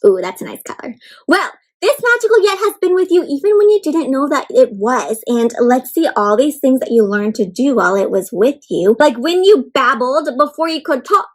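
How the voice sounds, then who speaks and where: Reading a picture book aloud to children at normal speed, this high-voiced host has a sing-song delivery. She gasps dramatically as she tells the story and often stops to put direct questions to the young audience.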